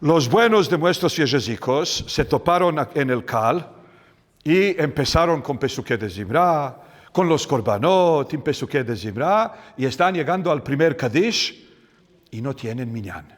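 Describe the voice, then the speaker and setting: Male folklorist guide with a Bosnian accent, fairly high voice, unhurried storyteller, dry close sound. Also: animated, no room sound. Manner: storytelling, unhurried with many restarts. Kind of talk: guided walking tour talk.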